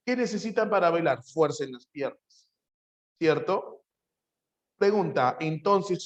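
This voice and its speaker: Male teacher, slightly high voice; lively classroom lecturer who repeats lines and quizzes students nonstop. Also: highs cut off. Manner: animated, repeats phrases, quizzes students with rapid questions. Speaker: psychology teacher.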